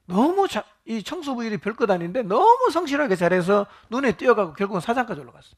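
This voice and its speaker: A man's voice: high-pitched, big pitch swings, fast talker. A male pastor teaching a Bible study sermon, asking the congregation questions and joking with them.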